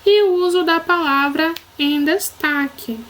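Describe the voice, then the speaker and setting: Woman, Brazilian Portuguese accent, teacher, high voice, slow, patient, encouraging. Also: fairly bright tone, poor audio. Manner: patient, encouraging, checks in often. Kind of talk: recorded lesson for children.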